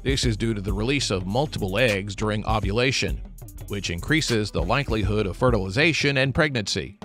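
A man's voice: on the low side, fairly quick. A man narrating a scripted nature documentary. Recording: music behind the voice. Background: background music.

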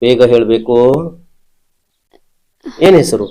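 A man's voice: medium pitch, expressive, takes it slowly, warm tone, low-quality recording. A man, a spirit healer who keeps repeating short, insistent questions and commands. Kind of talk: ritual interrogation.

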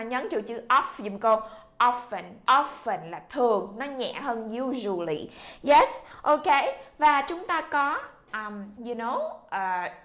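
High-voiced Vietnamese woman teaching English. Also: a bit bright. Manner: drills sounds with repetition, coaxing. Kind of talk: classroom pronunciation lesson.

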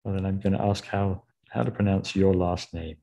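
A man's voice: deep voice, little pitch movement, moderate pace, mellow. A man chatting in a friendly, joking way over a video call.

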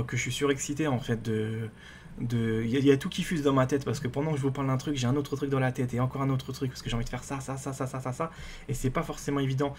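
Guy chatting over his game, rambly and excited, lots of euh, faint hiss behind. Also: mid-range voice. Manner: rambling, excitable, many fillers and restarts. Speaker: gaming YouTuber. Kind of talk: casual gameplay commentary.

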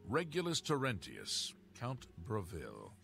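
An actor playing a haughty count in a fantasy video game, curt and condescending. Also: male voice, fairly low pitch, wildly swooping pitch, measured pace, creaky, sharp tone, soft background music, exaggerated voice. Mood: dismissive.

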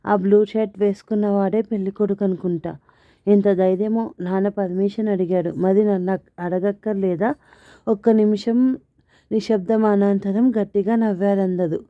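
A woman narrates a comic family story in the first person, wry and expressive. Her voice sits in a middle pitch. The sound is thin and phone-like, with no room echo. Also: moderate pace. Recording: tinny phone-like, dry.

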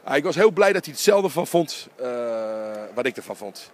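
A middle-aged basketball coach talks emphatically in a post-game interview inside an empty arena, close to a handheld interviewer mic. His mid-range voice comes in animated, quick bursts, with slight background noise.

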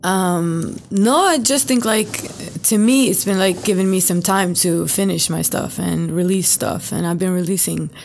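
A young woman from southern Sweden with a Swedish accent, a podcast guest talking casually with relaxed hesitations, on a studio microphone. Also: on the low side, measured pace, creaky, few pauses, a little hiss or hum. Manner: relaxed, hesitant with many fillers. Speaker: guest musician. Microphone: studio condenser mic on boom arm.

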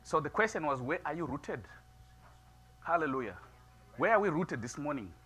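A middle-aged man preaching a sermon in a small church, moving from quiet musing to loud, emphatic preaching. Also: fairly high pitch, animated, moderate pace, soft background music. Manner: builds from soft musing to loud preaching, gestures widely. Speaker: pastor. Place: small church sanctuary, seated before altar flowers.

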